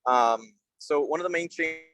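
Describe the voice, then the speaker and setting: A man's voice: on the high side, fairly bright tone, faint music behind. Man calling in from his car. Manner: apologetic, halting, checks if he is heard. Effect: calling in from a car while driving. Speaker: sub-team member giving an update. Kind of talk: casual meeting update. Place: in a car while driving.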